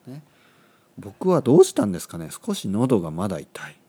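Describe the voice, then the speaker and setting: A man talks into a studio microphone, keeping his voice low and gentle because his throat is sore. His pitch rises and falls a lot as he goes. He speaks slowly and simply for learners, often adding "ne" and repeating phrases. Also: huge pitch swings, breathy edge. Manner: speaks softly, frequent "ne" tags, repeats phrases. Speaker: podcast host for Japanese learners. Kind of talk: slow, simple podcast talk for learners. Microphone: studio microphone, seated.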